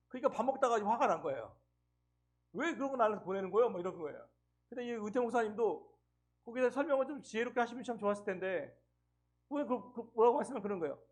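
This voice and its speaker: Animated husky-voiced male pastor preaching. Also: high-pitched, fast. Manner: storytelling with acted quotes, animated. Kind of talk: sermon.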